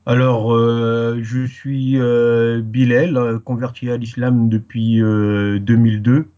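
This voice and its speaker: A man from France, a guest in a casual interview, tells his story hesitantly, with many pauses and fillers as he searches for words. His medium-pitched voice is dark and mellow with little pitch movement, and the muffled, lo-fi recording dulls it further.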